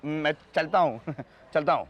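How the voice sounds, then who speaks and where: An actor playing a bumbling, boastful young husband in a 1990s sitcom, loud and hammy, stammering when scared. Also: male voice, on the high side, a little slow, muffled recording, slight background noise, close to an everyday voice. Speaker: lead comic character.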